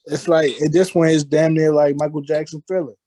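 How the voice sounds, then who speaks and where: A man's voice: fairly high pitch, flat delivery, brisk, dark tone, no echo. A man co-hosting a podcast, rambling and joking with lots of fillers. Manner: rambling, jokey, many fillers like "you know what I'm saying". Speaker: podcast co-host. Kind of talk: casual chat.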